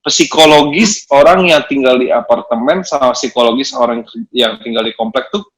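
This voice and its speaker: A man's voice: medium pitch, normal speed, a bit bright, rough recording. A man with a colloquial Jakarta Indonesian accent in teasing, casual banter.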